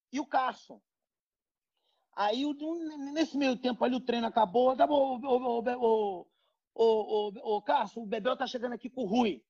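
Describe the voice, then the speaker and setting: A man telling a story to friends in casual chat, acting out the people in it. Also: extremely high pitch. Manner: animated, acts out voices in quotes. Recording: dull lo-fi sound.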